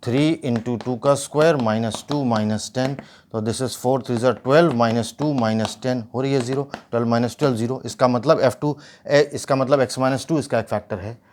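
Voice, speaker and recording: A man's voice: medium pitch, fairly even intonation, moderate pace, darkish tone, a little hiss or hum. A male math teacher, explaining steps and asking rhetorical questions. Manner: mixes English math terms into speech. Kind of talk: whiteboard math lesson.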